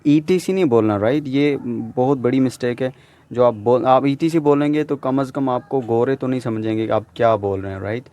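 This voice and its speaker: A man giving a casual pronunciation lesson, explaining in Urdu-Hindi and slowing down to say English example words carefully in a British-style accent that drops the final R. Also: medium pitch, mellow. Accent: British-style non-rhotic English.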